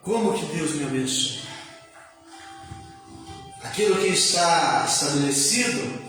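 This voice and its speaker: A man preaching a sermon, telling a story in a chatty way, then rising into shouted, sung-out preaching. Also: on the high side, expressive, unhurried, very echoey, big-room sound, recorded from a distance, faint music behind, rough recording. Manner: conversational, peppers lines with "né?" and laughs. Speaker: pastor. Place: church.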